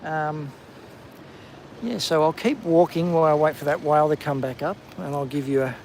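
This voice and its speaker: A man casually hosting a live walking stream on a coastal clifftop, chatty with plenty of ums and excited whenever he spots something. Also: on the high side, normal speed, slight background noise, poor audio. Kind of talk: live walking vlog commentary. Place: outdoors on a coastal clifftop walk.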